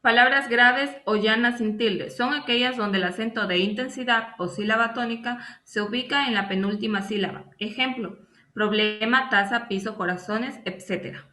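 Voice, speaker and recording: Woman student presenter, bright voice, fairly high, echoey room, reads examples one by one. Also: normal speed. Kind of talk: reading a class presentation.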